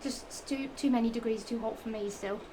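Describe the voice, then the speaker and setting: The speaker, a young woman from England with a Norfolk accent, uses a slightly high voice with fairly even intonation at a moderate pace, a little strained from the heat. She casually shows off shoes in a vlog, rambling, repeating herself and giggling, with many fillers and restarts. It's a noisy home recording.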